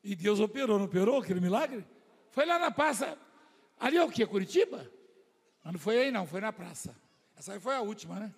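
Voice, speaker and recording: Male preacher from Brazil, high and husky voice; slow emphatic sermon with soft asides, in a church hall with long reverb. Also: sing-song. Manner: acts out the voices of people in his stories. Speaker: apostle preaching to his church.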